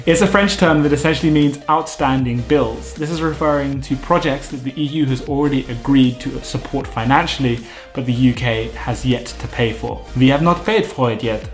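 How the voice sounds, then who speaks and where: A man hosting a vocabulary lesson, explaining terms clearly with light jokes. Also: mid-range voice, steady tone, fairly quick. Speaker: vocabulary teacher, channel host. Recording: echoey room with faint music.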